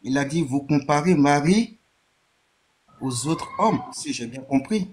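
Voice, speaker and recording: Un homme qui intervient dans un débat en direct en ligne, au haut-parleur, faible et lointain, hésitant et plein de reprises. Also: male voice, fairly high pitch, animated, a little slow, slight background noise. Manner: hesitant, many restarts and stammers. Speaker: guest joining a live stream. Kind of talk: live online debate.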